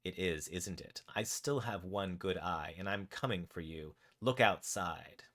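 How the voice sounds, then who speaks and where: A man voicing a sinister one-eyed villain who catches raccoons, speaking slowly and menacingly. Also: low voice, a bit bright.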